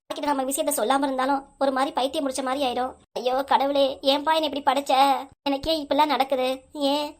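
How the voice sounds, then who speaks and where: A woman voicing a lonely, tearful middle-aged wife in a cartoon comedy, with a Tirunelveli Tamil accent and a plaintive, sharp-tongued manner. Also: high voice, flat delivery, fast, lightly acted. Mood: lamenting.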